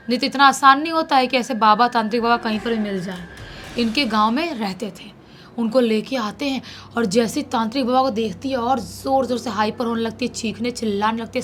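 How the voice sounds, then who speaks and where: A woman's voice: fairly high pitch, a bit bright, slight background noise. A woman telling a horror story in a dramatic way, mixing English words into her telling.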